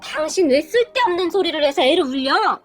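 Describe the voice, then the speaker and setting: Woman voicing kindly older father-in-law, gruff scolding, high voice. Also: animated, a little fast, faint music behind.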